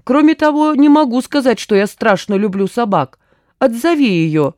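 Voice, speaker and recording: A woman reader voicing a timid, whiny grown man who pleads and complains in a shrill, raised voice. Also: sing-song, normal speed, dark tone, no room sound, clean studio sound. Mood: pleading whine. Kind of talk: audiobook character voice.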